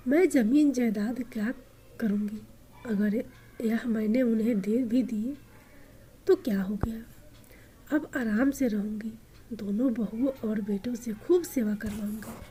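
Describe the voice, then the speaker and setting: A woman narrating a scripted moral story in a slow, soft-spoken way. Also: a little high, slight background noise.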